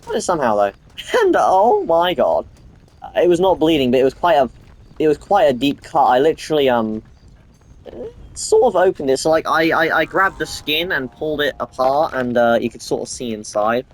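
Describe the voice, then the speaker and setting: A man's voice: a little high, animated, normal speed. Rambling, swearing gamer guy. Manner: rambling, swears freely, restarts often. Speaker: gamer playing on camera. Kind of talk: casual gameplay commentary.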